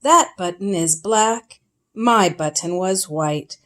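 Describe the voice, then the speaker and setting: A woman's voice: lowish voice, takes it slowly. A woman voicing a fussy, easily upset male toad in a storybook read-aloud, whining and wailing about a lost button. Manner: whiny, rising to wails and shouts.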